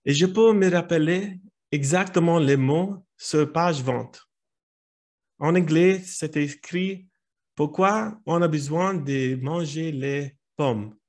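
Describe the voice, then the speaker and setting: A man with an American English accent speaks slowly and haltingly, often stopping to search for a word and restarting his phrases. His voice sits a little high for a man, and he tells his story in an unhurried, personal way. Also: a little mellow. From United States. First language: Italian. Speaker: speaker at a language club meeting. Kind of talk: personal storytelling in a learned language.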